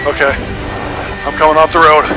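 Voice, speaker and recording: Middle-aged man, enthusiastic driver on headset, slightly high voice, music bed underneath. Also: level tone, fairly quick, rough recording. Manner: enthusiastic, exclaiming. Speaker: vehicle builder test-driving. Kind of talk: casual chat. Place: inside a tracked vehicle cab, outdoors in snow.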